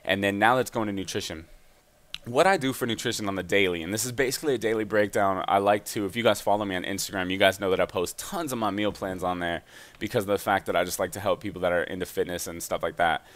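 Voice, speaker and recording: A young man chatting casually over gameplay, giving fitness and nutrition advice in an energetic voice-over. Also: lowish voice, fast talker.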